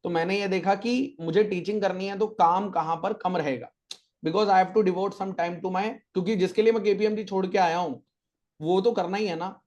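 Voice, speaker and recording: A man's voice: high-pitched, fairly even intonation, normal speed, a little mellow. A man in his thirties, a guest on a podcast, telling stories and giving motivational advice in a casual chat. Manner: chatty, storytelling, motivational. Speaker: podcast guest, chartered accountant teacher.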